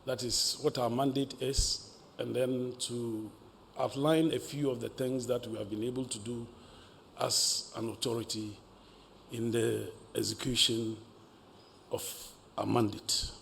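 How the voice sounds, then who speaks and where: A man's voice: mid-range voice, steady tone, measured pace, creaky, fairly bright tone. A man, a maritime agency director general giving a formal, ceremonious address at a press briefing. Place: press briefing room at podium. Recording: reverberant hall with faint noise.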